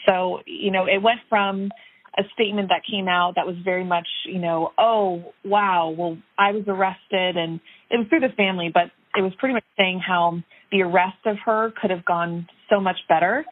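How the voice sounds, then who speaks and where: A woman investigative reporter talking through a case in a remote news interview, conversational with many fillers and restarts. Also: on the low side. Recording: tinny phone-like line.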